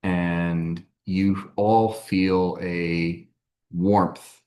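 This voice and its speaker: A man running a tabletop game as game master, narrating in a slow, halting way with many fillers. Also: low voice, level tone, a little mellow.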